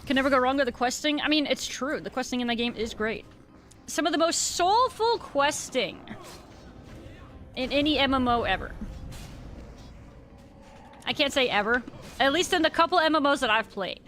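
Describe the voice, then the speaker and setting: A woman with a high, bright voice chats away to viewers as she plays a video game. Her talk rambles on in loose, informal slang. Music plays softly behind her. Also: expressive, normal speed, long pauses. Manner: chatty, rambling stream of talk. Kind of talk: casual live-stream chat with viewers while gaming.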